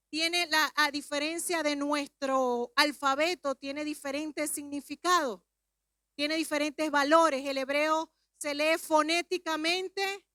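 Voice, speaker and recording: Woman preacher, very high voice, bright tone, calm teaching that builds to fervent shouting, Pentecostal sermon. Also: dry recording, studio quality. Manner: teaching calmly, then rising to shouted fervor.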